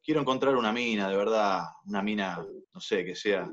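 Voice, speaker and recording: A man's voice: lowish voice, a little fast, highs cut off. A man with an Argentine accent chatting casually and telling an anecdote, voicing the quoted dialogue. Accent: Argentine Spanish. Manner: relaxed storyteller, voices quoted dialogue.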